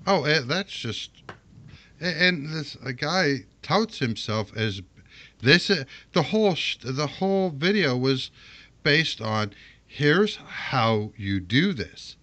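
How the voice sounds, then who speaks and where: Podcast co-host, male, unhurried and rambling, bright tone. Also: a little high, animated. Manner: rambling, halting, frequent restarts. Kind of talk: casual chat.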